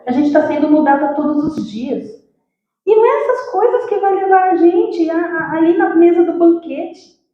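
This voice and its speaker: High-voiced Brazilian woman preaching in echoey hall. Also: moderate pace. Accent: Brazilian Portuguese. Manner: lively storytelling, acts out dialogue, addresses the congregation. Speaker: church worker preaching. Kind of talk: sermon with personal testimony. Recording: very echoey, dull lo-fi sound.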